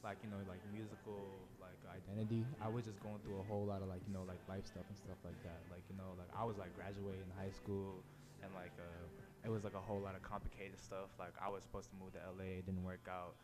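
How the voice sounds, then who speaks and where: A man in his twenties from Indonesia, a musician guest on a casual live interview. He talks quickly and in a loose, rambling way, full of filler words, in a fairly low voice. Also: little pitch movement. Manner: loose, rambling, heavy use of "like" and "bro".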